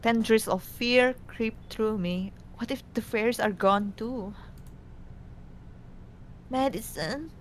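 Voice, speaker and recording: A woman's voice: fairly even intonation, unhurried, few pauses. Woman reading story narration, slightly noisy. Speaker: co-host reading a visual novel aloud. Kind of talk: scripted story narration, read casually. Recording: noisy, low rumble behind.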